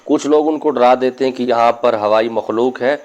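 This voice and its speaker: Speaking in an indoor room, a male spiritual healer gives his viewers earnest, cautionary religious advice, illustrated with stories from his own practice. His voice is medium-pitched and darkish, and the recording is muffled.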